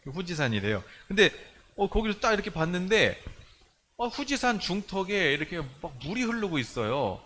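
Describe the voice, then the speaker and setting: A man's voice: high voice, very animated, normal speed, sharp tone. A man preaching a sermon as pastor, recounting a dream and acting out the voices in it. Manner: storytelling, acting out his own dream with rising urgency. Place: church sanctuary. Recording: faint background noise in a church.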